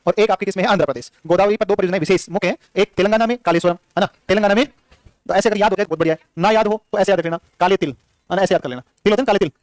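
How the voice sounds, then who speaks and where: Man, teacher, geography class, very fast, high voice, drills questions and answers, jokey, dry close sound. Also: no room sound. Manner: jokey, scolds the class playfully. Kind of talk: live classroom lecture.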